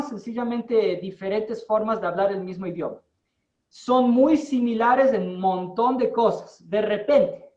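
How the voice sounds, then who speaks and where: A man's voice: sits high, darkish tone. Man teaching, far off in an echoey room. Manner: slow, deliberate explaining, checks in with students. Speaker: English teacher. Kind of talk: classroom teaching in Spanish. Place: classroom with students. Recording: distant, roomy, dull-sounding.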